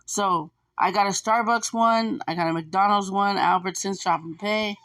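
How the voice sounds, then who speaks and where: This vlogger drives for food delivery and shares casual tips with her viewers, chattering on, repeating things, and leaning on frequent fillers. Her mid-range voice is steady and fairly bright, at a moderate pace.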